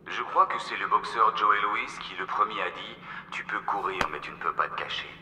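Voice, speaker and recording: A man's voice: on the low side, a little fast, reverberant, in a large hall, highs cut off, natural voice. An actor playing a menacing, messianic villain in a film drama, preaching grandly to the woman he is obsessed with. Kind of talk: dubbed film drama monologue.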